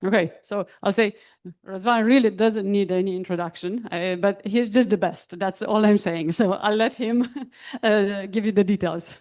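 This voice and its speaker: A woman's voice: medium pitch, moderate pace, darkish tone. A woman hosting a session, giving a brief, informal introduction of the next speaker.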